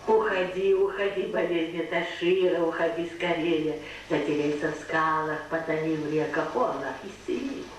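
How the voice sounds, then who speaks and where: A woman's voice: low-pitched, steady tone, moderate pace, hardly any pauses, a little hiss or hum, lightly acted. An actress voicing a stern older female village healer who gives commands and chants spells, in an old dubbed film. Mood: chanting. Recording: echoey old film soundtrack, distant.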